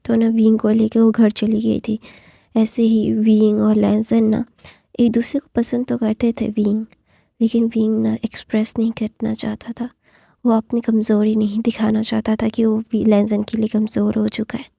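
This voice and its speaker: A woman retelling a fan story, talking softly and often half in a whisper, with many fillers. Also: fairly high pitch, monotone, moderate pace, vocal fry, no room sound, clean studio sound.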